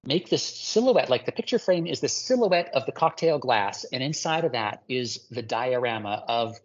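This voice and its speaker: This guest ceramic artist, a man from Hawaii, chats casually in an interview with a mid-range, animated voice at a moderate pace. He's enthusiastic and rambling, full of fillers, and the recording sounds muffled.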